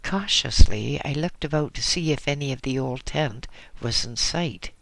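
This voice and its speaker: A man narrating a first-person memoir as an audiobook, in a measured, dramatic way. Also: mid-range voice, creaky, a bit bright, dry recording. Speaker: audiobook reader.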